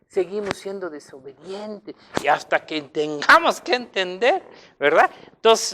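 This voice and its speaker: A man with a Mexican accent preaching an informal sermon and closing in prayer, often checking in with his congregation and swinging between loud emphasis and soft asides. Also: high voice.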